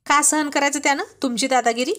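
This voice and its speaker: A woman's voice: sits high, steady tone, quick pace, fairly bright tone, voice pushed up. A woman voicing a playful, bossy young wife who chides her husband. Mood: teasing.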